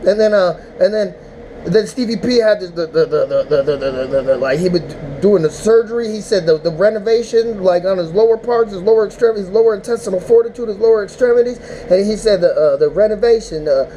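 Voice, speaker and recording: A man casually recapping a rap battle, rambling and animated, with mock-emotional outbursts. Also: sits high, fast, slight background noise, rough recording. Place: indoors, smoking while talking.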